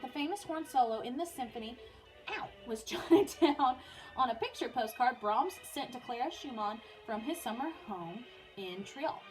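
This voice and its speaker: In a rough recording, a young music teacher reads a biography aloud to her pupils with casual asides. She keeps it informal and often pauses to calm a small child. Her voice is on the high side with lively intonation, and her pace is moderate.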